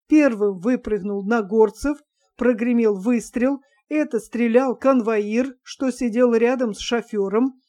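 A woman narrating an audiobook in a steady, even manner. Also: on the high side.

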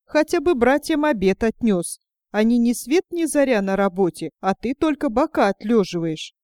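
A woman's voice: a little high, expressive, normal speed, a little mellow, no echo, clean studio sound, lightly acted. A woman voicing scolding peasant wives in a fairy tale, nagging sharply.

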